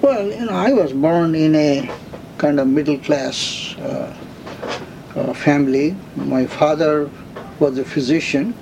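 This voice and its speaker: Older man from India, slow halting telling. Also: fairly high pitch, darkish tone, slight background noise, low-quality recording. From India, West Bengal. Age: 70s. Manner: slow, halting storytelling with many fillers. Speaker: interviewee. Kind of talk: oral history interview.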